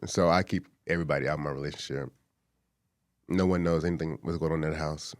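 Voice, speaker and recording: A man's voice: extremely low pitch, fairly even intonation, quick pace, no echo, clean studio sound. A man co-hosting a casual podcast, laid-back and dryly teasing. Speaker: podcast co-host.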